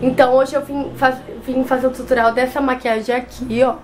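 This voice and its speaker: A young adult beauty vlogger with a cold talks fairly quickly in a high, flat, slightly mellow voice, with a little hiss or hum in the audio. She chats her way through a makeup tutorial in a small bedroom with shelves and a clothes rack, speaking close to a camera mic just in front of her and often restarting words.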